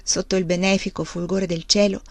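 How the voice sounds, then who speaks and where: A woman reading a novel aloud as narrator, measured and soft, slowing on key words. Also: mid-range voice, flat delivery, vocal fry, dry recording. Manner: measured, soft, with slowed emphasis.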